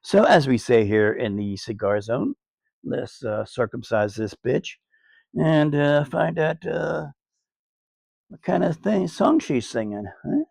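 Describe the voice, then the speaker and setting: A man's voice: medium pitch, lively intonation, takes it slowly, creaky, a little mellow, breathy edge, no room sound. A man hosting a casual cigar review vlog outdoors, rambling in a laid-back way with fillers and crude jokes. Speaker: cigar reviewer, channel host. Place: outdoors on a sunny day.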